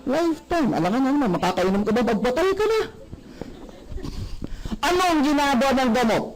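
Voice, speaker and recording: A man giving a sales seminar, animated and often asking the audience questions. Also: very high voice, fairly quick, poor audio. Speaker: product presenter.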